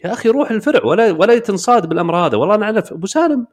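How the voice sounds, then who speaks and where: A young man with a Kuwaiti Arabic accent tells stories on a casual podcast. His voice sits high and swings widely in pitch, and he talks quickly. He acts out the other people's lines as he goes. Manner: animated storyteller, acts out voices in quoted dialogue. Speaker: podcast co-host. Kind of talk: casual chat.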